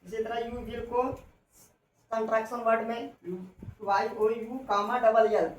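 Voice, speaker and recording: A woman English teacher giving a classroom lesson on contractions, spelling out letters slowly and repeating herself. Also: a little high, flat delivery, distant mic. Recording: echoey room, voice from off-mic, faint noise.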